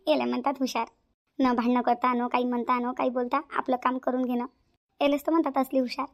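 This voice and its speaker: A woman's voice: sits high, steady tone, brisk. A woman voicing a lazy, scheming young woman who fakes illness in a whiny, drawling voice. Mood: gloating.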